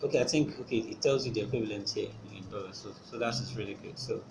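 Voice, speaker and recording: A man's voice: fairly low pitch, fast talker, gravelly. A man hosting a casual screen-recorded tutorial, explaining step by step with many fillers and restarts. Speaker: channel host explaining trading. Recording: noisy background ambience.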